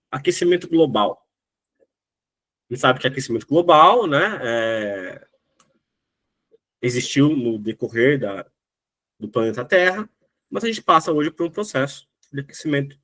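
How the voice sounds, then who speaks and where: A man with a Brazilian Portuguese accent delivers a recorded lesson in a slightly higher voice. He explains patiently, building each point and often checking in with his listeners. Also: a bit bright. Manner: explanatory, frequent "né?" tag questions. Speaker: teacher. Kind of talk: recorded lecture.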